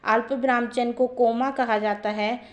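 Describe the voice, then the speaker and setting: A woman's voice: on the high side, steady tone, moderate pace, dull audio. A woman teaching a grammar lesson who explains step by step and repeats her points.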